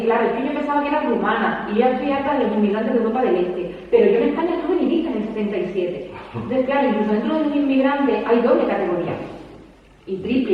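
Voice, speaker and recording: Spanish woman, speaker at a book presentation, rapid and animated delivery, long hall reverb, echoey room. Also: medium pitch, a little hiss or hum. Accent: Spanish from Spain. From Spain. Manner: animated, rapid, peppers speech with tag questions. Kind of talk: conversational talk to an audience. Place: large hall at a public event. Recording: echoey hall, distant mic, dull sound.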